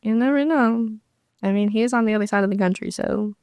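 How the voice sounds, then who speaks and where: A young woman co-hosting a casual chat podcast, retelling conversations with quick asides. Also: medium pitch, darkish tone, clean tone, dry recording. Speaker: podcast co-host.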